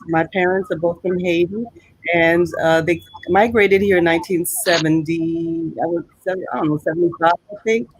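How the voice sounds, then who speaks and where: A woman's voice: on the low side, breathy edge, no echo, rough recording. A woman introducing herself as a candidate in a chatty way, with asides. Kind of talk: self-introduction.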